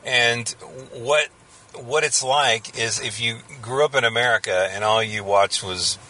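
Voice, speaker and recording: A man co-hosting a podcast in casual chat, halting and full of fillers. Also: medium pitch, pushed and bright. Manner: hesitant, halting with many fillers. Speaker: podcast co-host.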